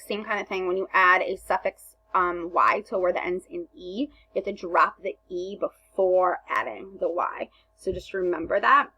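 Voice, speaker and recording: Woman teacher, husky and lowish, explains step by step with plenty of "um"s. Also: bright, forceful tone, rough recording. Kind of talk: recorded remote lesson walkthrough.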